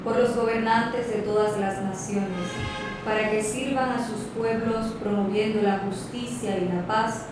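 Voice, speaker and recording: Slow woman reader with heavy church echo. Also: medium pitch, fairly even intonation. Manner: slow, measured intoning with set refrains. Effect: heavy church echo, heard from afar. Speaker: lector reading the prayers of the faithful. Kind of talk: liturgical reading. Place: large church. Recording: reverberant church from far off, guitar behind.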